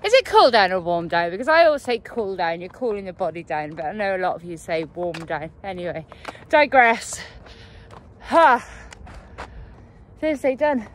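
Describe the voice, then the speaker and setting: A woman's voice: medium pitch, big pitch swings, moderate pace, slight background noise. A woman vlogging outdoors on a cold night, chatty and rambling, out of breath after running, on a handheld phone. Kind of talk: casual vlog while running.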